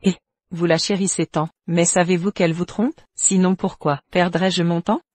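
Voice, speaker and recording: An actress playing a vengeful young noble daughter in a French drama dub, cold and cutting. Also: female voice, lowish voice, steady tone, moderate pace, a little mellow, dry recording, close to an everyday voice.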